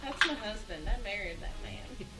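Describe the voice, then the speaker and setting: A woman's voice: medium pitch, animated, normal speed, recorded from a distance. A woman playing a tabletop role-playing game, bantering casually with friends. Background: music.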